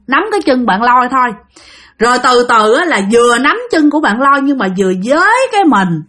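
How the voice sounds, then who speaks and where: A woman's voice: a little high, fairly bright tone. A woman narrating a ghost story dramatically, speaking straight to her listeners. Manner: dramatic, addresses listeners directly.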